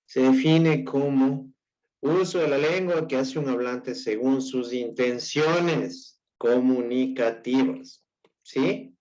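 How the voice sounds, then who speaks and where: A male teacher giving an online class lecture, explaining slowly and haltingly with an Ecuadorian Spanish accent and checking in with his students again and again. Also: mid-range voice, darkish tone. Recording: dull lo-fi recording.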